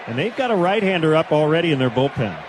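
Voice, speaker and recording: A man's voice: a little high, sing-song, crowd noise, background noise. Man calling baseball play-by-play on radio. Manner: brisk calls that rise into shouted home run calls. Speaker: play-by-play announcer.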